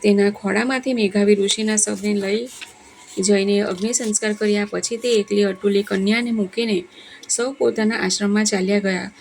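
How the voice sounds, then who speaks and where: A woman's voice: medium pitch, steady tone, normal speed, vocal fry, darkish tone, slight background noise. A woman reading devotional scripture stories aloud, with small slips and self-corrections. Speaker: devotional story reader. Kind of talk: religious scripture storytelling.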